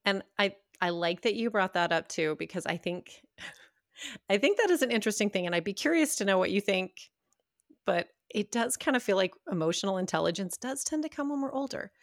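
A woman's voice: medium pitch, animated, fairly quick, no room sound, clean studio sound. A woman in her forties hosting a podcast, chatting casually and asking reflective questions. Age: 40s. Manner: warm, reflective, asks open questions. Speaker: podcast host. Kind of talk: casual interview conversation.

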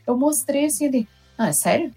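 A woman's voice: high voice, fairly quick, faint music behind. A young woman telling a personal story in a casual podcast chat, acting out what people said and often repeating herself. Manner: lively, acts out quotes, repeats herself.

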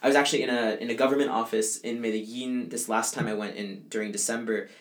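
Being interviewed, a young adult college student speaks in a mid-range voice at a quick pace with fairly even intonation. His replies are casual and conversational, frequently restarting and peppered with "like" and "um."

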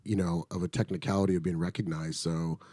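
A middle-aged man, an actor, casually telling a show-business story, animated and swearing freely. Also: deep voice, quick pace, breathy edge, no echo, studio quality. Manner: animated, acts out quoted voices, swears freely.

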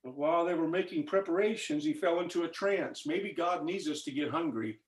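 A fervent man preaches over a video call in a somewhat high voice. He urges his listeners on, swinging from loud exhortation to hushed intensity. The room around him rings with echo. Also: fairly quick. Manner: fervent, rising to loud exhortation, then dropping to intense quiet urging.

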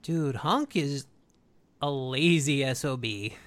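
A podcast co-host recapping an episode in casual, informal and animated storytelling. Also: medium pitch, slow, dry recording.

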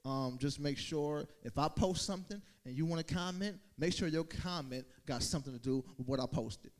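A man's voice: a little high, moderate pace. A man doing casual stand-up comedy, chatting informally and directly to the crowd.

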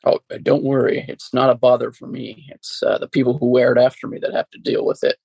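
A man playing a weary, touchy talking hat in improvised comedy, grumbling and self-pitying in a gravelly voice. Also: medium pitch, level tone, brisk, darkish tone, no room sound, low-quality recording. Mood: obliging. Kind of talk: improvised comedy sketch acting.

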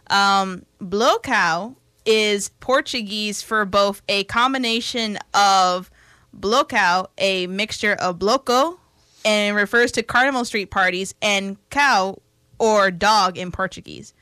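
A woman's voice: mid-range voice, sharp tone, clear, resonant tone, no echo. A young woman co-hosting a college radio show, chatting in a bubbly, giggly way. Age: young adult. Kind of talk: casual radio chat.

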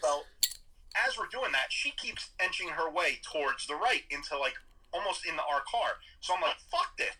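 A man telling a story in casual chat, animated and swearing freely. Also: fairly high pitch, normal speed, poor audio.

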